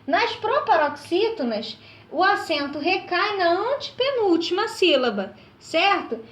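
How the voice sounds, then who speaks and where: Woman teacher, high voice, patient and step-by-step, often checks "right?", roomy echo. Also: very animated, a little slow, fairly bright tone. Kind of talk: recorded classroom lesson. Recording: echoey room.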